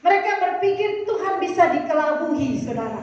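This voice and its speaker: Woman pastor preaching, very high voice, big echoey church, mic kinda far off and dull. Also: animated, brisk, a little mellow, slight background noise. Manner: storytelling preacher, acts out characters' lines; sing-song cadence, repeated address to the congregation. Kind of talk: sermon. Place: large church hall.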